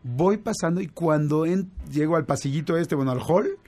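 A man with a Mexican accent telling a personal story in casual chat, animated and full of fillers and restarts. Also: on the high side, normal speed. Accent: Mexican Spanish.

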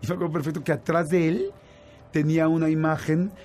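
A man with a Mexican accent telling a personal story in casual chat, animated and full of fillers and restarts. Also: on the high side, fast talker, soft background music. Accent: Mexican Spanish.

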